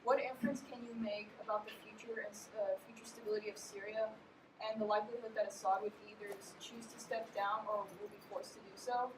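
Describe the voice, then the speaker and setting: A woman moderating a panel, asking long questions in a measured way. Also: medium pitch, level tone. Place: lecture hall. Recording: echoey hall, distant mic, audible hiss.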